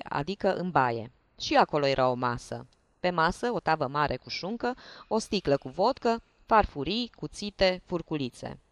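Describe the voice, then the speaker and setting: Expressive audiobook narrator, dry sound. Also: mid-range voice, dry recording. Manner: expressive, dramatic storytelling. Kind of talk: audiobook reading.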